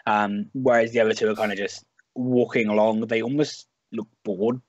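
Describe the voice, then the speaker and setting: Casual, halting game master, dull dry sound. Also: male voice, lowish voice, fairly even intonation, no echo. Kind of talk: narrating a tabletop game.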